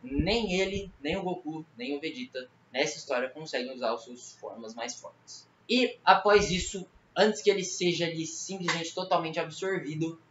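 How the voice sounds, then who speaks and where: With a Brazilian Portuguese accent and a slightly high, somewhat bright voice, a video creator gives a casual, slangy recap of a fan horror series. The story comes out colloquial and loose. The audio is muffled and roomy with echo, plus faint background noise.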